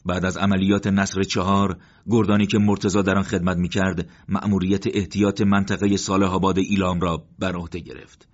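A man narrating a war story in a steady, even reading style, on a dull lo-fi recording. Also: sits low. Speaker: audiobook narrator. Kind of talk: scripted narration.

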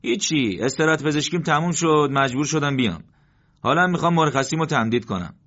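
A man's voice: on the high side, animated, fairly bright tone, pitched above the performer's own voice. A man voicing a complaining male soldier who pleads for more sick leave, on a dull lo-fi recording. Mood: whiny pleading.

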